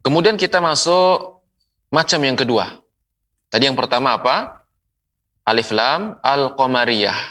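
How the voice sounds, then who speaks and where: A man teaching a televised Quran reading lesson, patiently explaining and drawing out each example word slowly, with repeated examples for viewers. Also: medium pitch, expressive, pushed and bright, recorded from a distance. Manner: slow, drawn-out recitation of example words, repeated for listeners; patient, explanatory, asks the audience questions and answers them.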